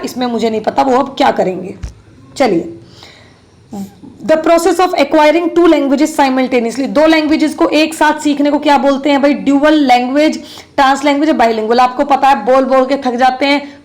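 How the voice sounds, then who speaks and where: A woman teacher going through an exam answer key, explaining each question in Hindi and reading the English sentences out slowly, often asking if it is clear. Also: high voice. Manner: explains each item then repeats the answer, asks "clear?".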